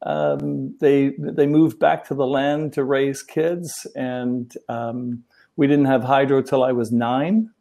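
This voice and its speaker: A middle-aged man from Wales, a relationship coach, giving thoughtful interview answers with many pauses and restarts. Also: medium pitch, flat delivery, creaky, mellow.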